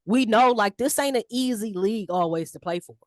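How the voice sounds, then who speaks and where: Woman co-host, animated and slangy, dry close sound. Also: medium pitch, brisk, no room sound. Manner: animated, slangy, playful voices for players. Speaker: podcast co-host. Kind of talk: casual sports chat.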